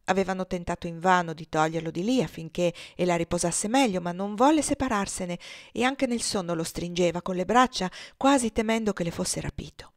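A woman's voice: fairly low pitch, no echo, clean studio sound. Woman reading a classic novel aloud. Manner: measured, expressive reading. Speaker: audiobook reader. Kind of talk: literary audiobook narration.

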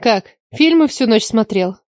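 A man voicing a sharp-tongued young woman teacher in an audiobook, cool, curt and sarcastic. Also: very high-pitched, animated, measured pace, no room sound, clean studio sound, voice pushed up. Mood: exasperated. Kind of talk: audiobook character voice.

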